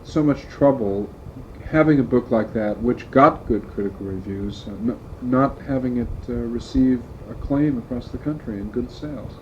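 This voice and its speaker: A man's voice: mid-range voice, moderate pace, a little mellow. A man asking questions as an interviewer in a conversational interview. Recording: dull lo-fi tape, faint noise.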